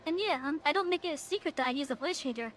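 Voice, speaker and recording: High woman's voice from an AI voice changer. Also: animated, racing, a bit bright, soft background music. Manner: stumbles over words, restarts sentences. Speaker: game streamer. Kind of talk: casual livestream chat while playing.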